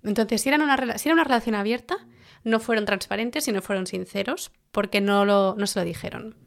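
A woman from co-hosting a casual podcast, spinning a listener's story with lively, joking slang. Her voice sits at an ordinary middle pitch for a woman. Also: fast talker, creaky. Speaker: podcast co-host.

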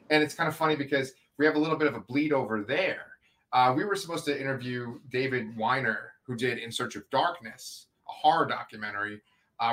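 A man's voice: medium pitch, sharp tone. A man hosting a casual review podcast, talking in an upbeat, rambling, emphatic way. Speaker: podcast host.

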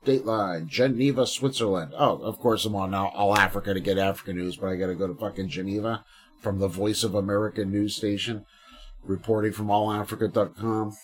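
A man's voice: lowish voice, steady tone, brisk, breathy edge. A man, a comedian, reading news stories aloud and swearing through sarcastic commentary. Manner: crude, sarcastic, swears constantly; reads headlines aloud with mock emphasis. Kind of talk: profane news commentary podcast.

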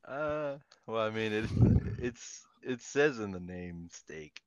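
Brief: young male co-host, deep voice with a lively, swinging pitch, easygoing. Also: slow pace, dry recording, lo-fi sound. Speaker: podcast co-host. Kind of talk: casual chat.

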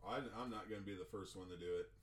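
A man's voice: lowish voice, very fast. A man co-hosting a podcast, making blunt, profane quips in casual chat.

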